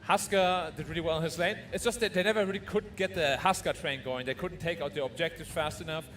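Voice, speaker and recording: A man's voice: a little high, quick pace, a bit bright. A man co-casting a live esports match, giving conversational analysis of the play. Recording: clear music behind the voice. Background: music.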